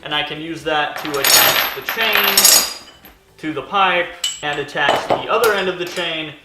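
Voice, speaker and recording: A man's voice: on the high side, unhurried, very noisy. Chatty, self-mocking man in a workshop. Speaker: maker and video host. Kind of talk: casual workshop narration. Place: home workshop, not soundproof.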